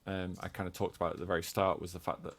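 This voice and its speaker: A game developer explaining footage, speaking hesitantly with many fillers. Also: male voice, low voice, little pitch movement, racing. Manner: hesitant, full of hedging fillers.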